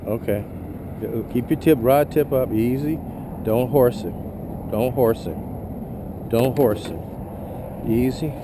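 A middle-aged man coaching his wife as she fishes from a small boat, calmly repeating short instructions. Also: mid-range voice, takes it slowly, long pauses. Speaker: husband filming a fishing trip. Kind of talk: casual coaching while fishing. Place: small boat on a river outdoors. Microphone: head-mounted action camera. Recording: outdoor wind and water noise. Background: boat and water noise.

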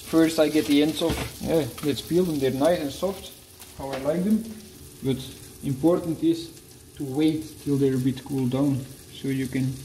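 A playful Dutch man cooks at home as a vlogger, joking around and restarting phrases mid-sentence in a casual demo. His voice is a little high and mellow. The handheld, moving camera mic picks up an echoey kitchen, frying sizzle, and a little hiss or hum.

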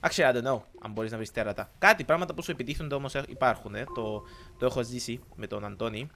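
A young man with a Cypriot Greek accent, giving casual let's-play commentary in an excitable, rambling way, often slipping in English words. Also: mid-range voice, vocal fry, soft background music. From Cyprus. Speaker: gaming YouTuber.

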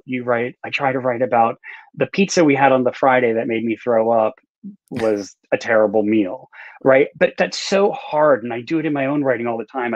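Chatting from a small indoor room lined with books, a middle-aged author and writing teacher fields interview questions on a video call. His voice is medium-pitched with no echo, and he answers in a rambling, casual, self-deprecating way over dull, lo-fi call audio.

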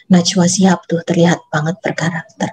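Soft-voiced woman teaching public speaking. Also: lowish voice, flat delivery, a little fast, a little hiss or hum. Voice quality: soft, gentle voice. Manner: chatty, addresses audience as Bapak Ibu; demonstrates phrasing by reading aloud. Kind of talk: online workshop lecture.

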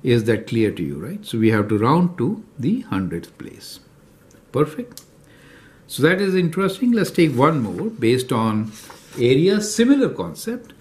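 A man teaching a recorded math lesson, working through problems step by step and often checking in with "right?" and "is that clear to you?". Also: mid-range voice, sing-song, unhurried, a little mellow. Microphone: off-camera voice over handwritten notes.

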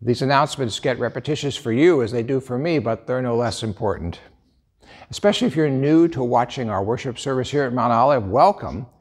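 A man's voice: mid-range voice, brisk. An older American man, a pastor giving church announcements in a conversational way, speaking straight to viewers. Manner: conversational, addressing viewers directly. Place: church sanctuary.

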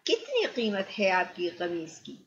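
A woman's voice: medium pitch, huge pitch swings. A woman voicing a poor, helpless woman who pleads for mercy. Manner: pleading, plaintive. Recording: muffled lo-fi recording.

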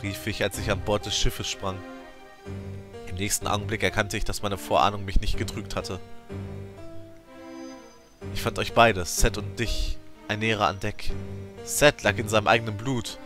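Male let's play host, dramatic storyteller; low pitch, bright tone, surging and dropping loudness. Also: little pitch movement, moderate pace, pauses often, faint music behind. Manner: emotive, theatrical storytelling with swings in loudness. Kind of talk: dramatic reading of a game's story text.

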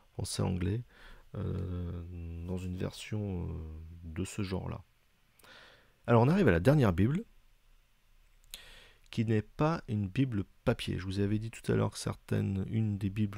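Man, hesitant casual reviewer, dark mellow voice, deep and low. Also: vocal fry, breathy edge, dry recording. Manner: hesitant, many fillers, chatty asides. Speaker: video presenter reviewing books.

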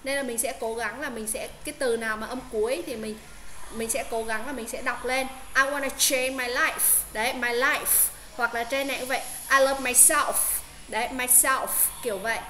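Woman tutor, high voice, chatty explainer on a video call. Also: fairly even intonation, fairly quick, pushed and bright, roomy sound, slight background noise. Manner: explanatory, many fillers and repeated checks. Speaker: English pronunciation tutor. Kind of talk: casual online tutoring. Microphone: Zoom call.

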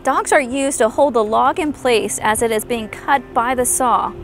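Slightly gravelly woman giving an outdoor tour. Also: fairly high pitch, soft background music. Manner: clear, measured presenter delivery. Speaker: historical interpreter. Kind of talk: informative video tour narration. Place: outdoors on a lawn by trees. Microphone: clip-on lapel mic.

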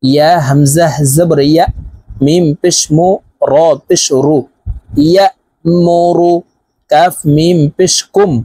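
Slow-spoken male Quran teacher, dry sound. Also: fairly high pitch, steady tone, warm tone, husky, no room sound. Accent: Bangladeshi Bengali. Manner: slow drawn-out recitation of verses between quick explanations. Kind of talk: spelling-out Quran recitation lesson.

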